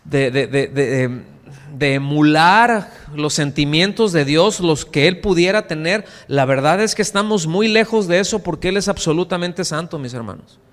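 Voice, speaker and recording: A man with a Mexican accent preaching a sermon as pastor, lively, acting out quoted voices and putting questions to his congregation. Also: a little high, normal speed. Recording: long church reverb.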